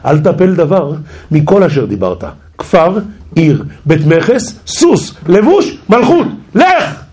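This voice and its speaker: A man playing an impatient king, low and bossy. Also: big pitch swings, dark tone. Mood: commanding. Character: short-tempered, impatient male king.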